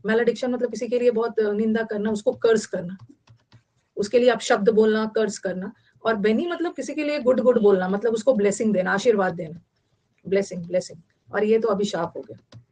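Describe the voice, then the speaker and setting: A woman's voice: fairly high pitch, fairly quick, a little mellow. A young adult woman with an Indian accent teaching vocabulary online, explaining in Hindi mixed with English and repeating key words.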